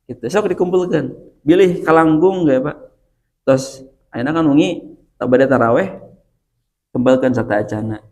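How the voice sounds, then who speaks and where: Gravelly Sundanese-accented male preacher. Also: fairly high pitch, normal speed, long pauses, a little mellow. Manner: chatty, laughs often, addresses listeners directly. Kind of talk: religious study talk.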